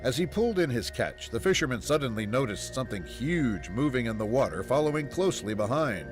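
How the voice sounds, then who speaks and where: A man's voice: medium pitch, big pitch swings, a little fast. A man reading dramatic scripted narration in the style of a nature documentary, as the narrator. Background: background music.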